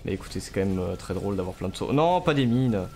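A man's voice: deep voice, expressive, fast talker, warm tone. A man, giving casual commentary on a gaming livestream. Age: 20s. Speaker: game streamer. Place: small room at home. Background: music.

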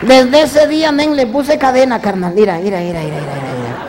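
A man's voice: high-pitched, a little fast, a little mellow, slight background noise, lightly acted. A ventriloquist in a church giving voice to a cheeky, streetwise young male puppet who peppers his talk with English slang. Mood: boisterous. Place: church stage.

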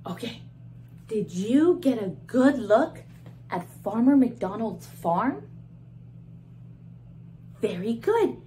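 A woman in her thirties teaches toddlers on video, gasping and asking questions in an exaggerated, animated way. Her voice is a little high, slow, and full of pauses. The close-range recording in a small room carries a faint hiss or hum.

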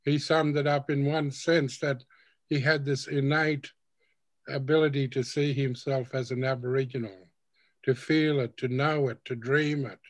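Older man, slow and reflective. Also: mid-range voice, steady tone, dry recording. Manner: slow, reflective speech with repeated phrases. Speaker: panelist. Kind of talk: panel discussion over video call. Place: home room with bookshelves. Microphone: video call webcam.

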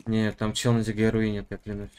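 A young, raging gamer streams from a gaming desk in an indoor room, swearing through live team chat with his teammates. His voice is fairly deep, monotone and fairly quick. Loud shooter-game gunfire and clicking make the recording very noisy.

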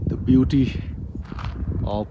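Slow-talking Indian man on a windy road trip. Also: medium pitch, fairly even intonation. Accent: Indian English. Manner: slow, descriptive, with pauses and fillers. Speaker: travel vlogger. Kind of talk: road trip vlog narration. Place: outdoors by high mountain lakes, windy. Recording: wind noise on the mic, muffled.

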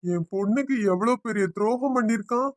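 A woman's voice: a little high, fairly quick, no echo, clean studio sound, lightly acted. A woman voicing an angry, protective middle-aged father in a cartoon, speaking in a stern, threatening way. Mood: furious.

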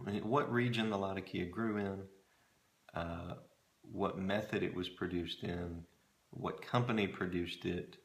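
A middle-aged man chatting casually to camera in a musing, hesitant way, often pausing mid-thought, recorded in a small room at home. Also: low voice. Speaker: pipe-smoking hobbyist reviewing tobacco blends. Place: small home storage room with shelves, indoors. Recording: roomy echo from camera mic.

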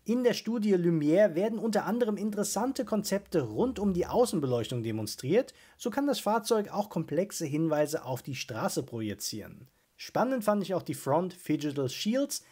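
Male tech host, scripted voice-over, husky and animated, upbeat presenter. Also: high voice, moderate pace.

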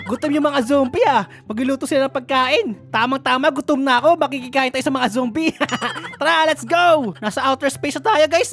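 A woman giving playful gaming commentary, joking and giggling as she talks to the characters on screen. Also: high-pitched. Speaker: gaming YouTuber.

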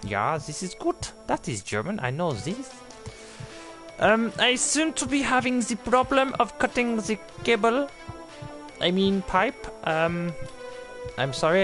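In live let's-play commentary, a young man with a fairly high-pitched voice streams a game in a mock German-style accent that drifts into a made-up one. He swears and shouts in excitement.

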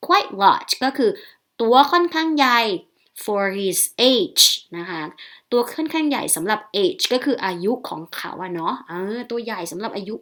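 A woman's voice: on the high side, big pitch swings, fairly bright tone. A woman teacher from Thailand reads a short story aloud line by line, then explains each phrase in chatty, polite speech. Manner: reads English lines slowly, then explains in chatty Thai full of polite particles. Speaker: English teacher.

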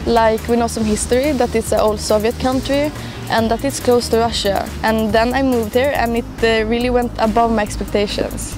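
A young woman from southern Sweden talking casually outdoors, relaxed and full of fillers. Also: on the high side, normal speed. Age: young adult. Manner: relaxed, fillers like 'like' and 'uh'. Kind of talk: casual testimonial talk. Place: outdoors on a city square in winter. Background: music.

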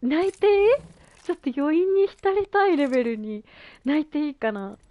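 High-voiced woman streamer with gushing youthful slang. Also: sing-song, normal speed, dark tone, no echo, highs cut off. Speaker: game streamer. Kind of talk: excited casual live-stream chat while gaming.

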